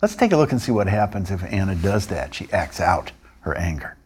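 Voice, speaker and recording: A male instructor narrating a training lesson in a measured, explanatory way. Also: deep voice, big pitch swings, a little mellow, husky. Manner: measured, explanatory, with occasional restarts.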